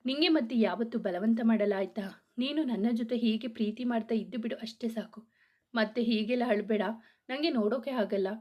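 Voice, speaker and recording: A woman voicing a playful but caring young man who soothes his crying girlfriend in soft, coaxing tones. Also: fairly high pitch, brisk, lightly acted. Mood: soothing. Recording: dull lo-fi audio.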